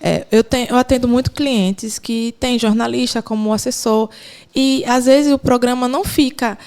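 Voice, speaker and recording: A woman's voice: on the high side, moderate pace, clean tone. A woman, a podcast consultant guest, chatting casually and expressively. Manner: expressive, laughs often, coaching tone. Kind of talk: casual chat.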